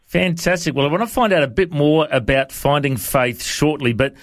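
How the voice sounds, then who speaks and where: A man's voice: fairly high pitch, normal speed, no echo, studio quality. A man hosting a radio interview, asking short, friendly questions to prompt his guests.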